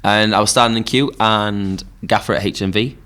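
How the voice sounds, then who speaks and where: Give me a deep Geordie man, casual and rambling, talking music in a pub. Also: moderate pace. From Newcastle, England. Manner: relaxed storytelling with frequent fillers. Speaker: podcast host and musician.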